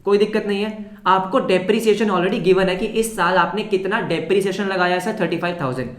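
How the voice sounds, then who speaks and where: A male accounts teacher with a sore throat, running a fast revision lesson, asking the class questions and answering them himself. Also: sits high, echoey room. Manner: quizzes students then answers his own questions.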